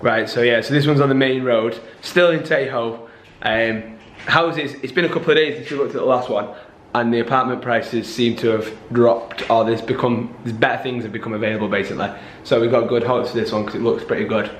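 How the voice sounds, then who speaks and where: A man with a middle-pitched voice chats casually for a vlog, easygoing and talkative. The sound is roomy and echoey, with faint street noise behind. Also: a little fast. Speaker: vlogger. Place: out and about in a city.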